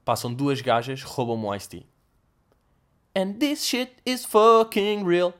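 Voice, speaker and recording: A man's voice: sits high, slow pace, clean tone. A young man from Portugal with a European Portuguese accent, telling stories in a casual, comedic, profanity-heavy vlog monologue. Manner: swears a lot, animated storytelling with mock voices and sound effects. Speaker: host answering viewer questions.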